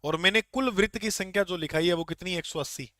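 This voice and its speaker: A man's voice: high voice, quick pace, pushed and bright, no room sound, clean studio sound. A man teaching an online geography class, repeating key points and quizzing his students.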